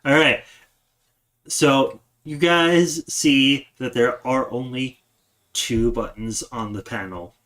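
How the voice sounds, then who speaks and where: A man's voice: mid-range voice, fairly even intonation, takes it slowly, a bit bright. A man narrating a tabletop game as game master, describing scenes and often restarting his sentences.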